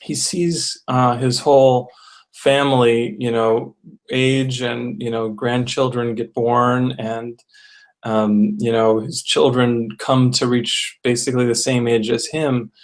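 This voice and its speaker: A man's voice: medium pitch, little pitch movement, slow. A man co-hosting a casual film discussion, speaking earnestly and evenly, with many fillers and restarts. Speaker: co-host reviewing a film.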